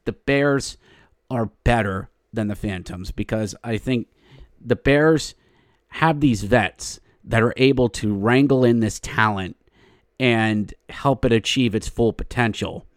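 A man's voice: mid-range voice, animated, unhurried, dry recording, studio quality. A man hosting a sports podcast gives a casual, opinionated game recap in a wry, colloquial way with short emphatic phrases.

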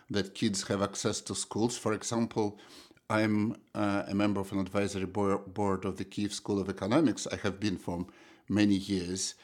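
With a lowish, somewhat dark voice and a Russian accent, a middle-aged economist from Russia responds to an interviewer's questions. He's reflective and halting, frequently starting over.

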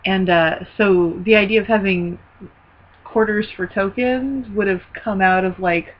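A woman co-hosting a casual movie podcast, excitable and joking, with some swearing. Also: mid-range voice, unhurried, lo-fi sound. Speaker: podcast co-host.

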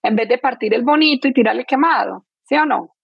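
A woman's voice: fairly high pitch, a little fast, gravelly, slightly rough, dry recording, dull audio. A woman, a guest explaining emotional wounds through everyday examples, often restarting her sentences. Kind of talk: explanatory interview talk.

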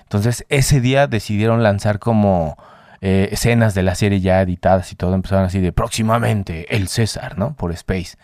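A man in his forties, an actor, telling lively anecdotes in a casual interview. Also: normal speed, dry recording, studio quality. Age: 40s. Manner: animated anecdotes, mimics others with a higher voice. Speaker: actor guest.

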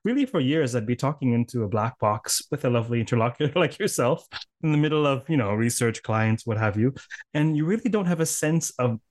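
A man's voice: mid-range voice, expressive, brisk, darkish tone, no echo, clean studio sound. A Canadian man hosting an interview podcast, chatty and rambling with a casual tone. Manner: chatty, rambling, laughs often. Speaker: podcast host.

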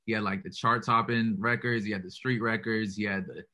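A young rapper with a deep voice that has a bright edge answers interview questions about his music. He speaks fast and casually in a fairly flat intonation, packing every sentence with "like" and "you know," and comes across as relaxed and laid back.

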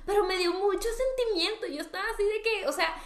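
A young Mexican woman co-hosting, telling a story in a casual, animated way and acting out reactions. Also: very high voice, fairly quick. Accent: Mexican Spanish. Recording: echoey room.

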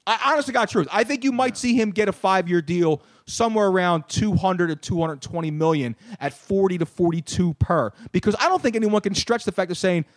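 High-voiced ranting man in his thirties. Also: fairly quick, few pauses, no echo, studio quality. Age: 30s. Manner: animated, ranting, repeats words. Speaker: podcast host. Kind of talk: casual sports talk.

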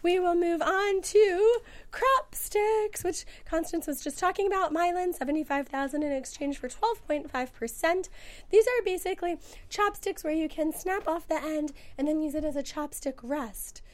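A woman's voice: extremely high pitch, normal speed. A woman co-hosting a casual panel chat, reading out viewer comments and laughing often.

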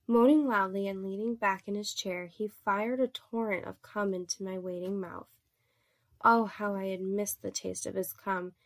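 A woman narrating an erotic story in a soft, intimate reading voice. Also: mid-range voice, creaky.

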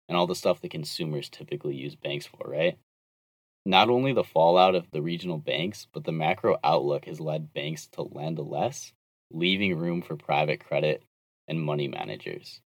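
A man's voice: extremely low pitch, dry recording. A man on a podcast panel giving articulate, prepared-sounding market commentary.

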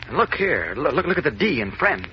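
A man's voice: on the high side, big pitch swings, brisk. An actor playing Superman in his guise as Clark Kent, a grown man, in 1940s radio-drama style. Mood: earnest, puzzled. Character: Superman as mild reporter Clark Kent, earnest adult man. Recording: dull old radio broadcast, faint hiss.

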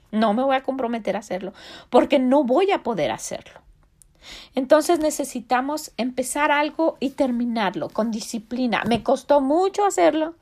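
An older woman talks straight to her listeners in a casual, earnest way, sharing life advice shaped by her faith. Her voice sits a bit high and has a gravelly, creaky edge. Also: darkish tone. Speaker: podcast host giving life advice. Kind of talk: casual motivational talk with faith themes. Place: home, Illinois.

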